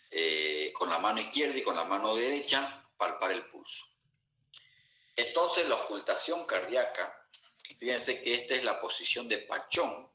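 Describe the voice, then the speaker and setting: A man's voice: on the low side, bright, forceful tone. A man giving a medical lecture to students, often checking in with questions like "are we following?". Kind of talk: classroom lecture. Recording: echoey room, dull lo-fi sound.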